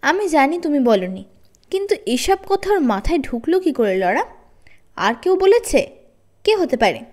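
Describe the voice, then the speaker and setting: A stern middle-aged father from a read-aloud story, played by a woman speaks slowly and firmly, pressing on each word. The voice sits quite high for a man. He sounds steady and calm. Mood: questioning. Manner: measured, firm, stressing each word.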